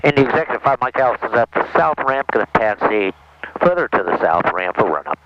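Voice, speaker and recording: A pilot making clipped, brisk radio calls, heard through an aircraft radio transmission. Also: male voice, medium pitch, big pitch swings. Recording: muffled hissy radio line.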